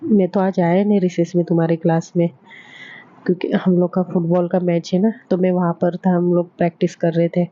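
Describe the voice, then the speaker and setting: A woman's voice: lowish voice, little pitch movement, brisk, mellow, no echo, natural voice. A woman voicing a blunt, exasperated teenage schoolboy footballer in an offhand, everyday way, on a dull lo-fi recording.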